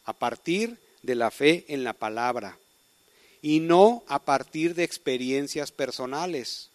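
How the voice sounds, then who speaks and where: A man preaching a sermon, emphatic, with sudden swings from soft to loud. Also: mid-range voice, takes it slowly, dry recording.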